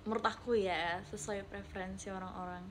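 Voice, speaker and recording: Reading viewer chat during a casual live stream, a young woman talks a little fast in a steady, mid-range voice, bantering playfully and slipping in English words. There is a bit of hiss or hum in the recording.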